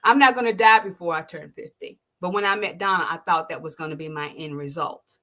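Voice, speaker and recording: This podcast host, a woman in her sixties, tells her own story with real feeling in an interview, talking a little fast. Acted-out quotes spike sharply in pitch, and when she's moved her voice falls soft and low.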